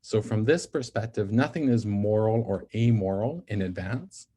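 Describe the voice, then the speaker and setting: A man's voice: on the low side, animated, moderate pace, dark tone, breathy edge. A man giving an ethics lecture in an explanatory manner, often checking in with the listeners as he works through each idea. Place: NICU physician.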